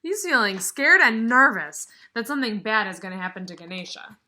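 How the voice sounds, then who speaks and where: Briskly and in a slightly high voice, a woman reads to her kindergartners, explaining things in an emphatic, expressive way and directing questions to the children.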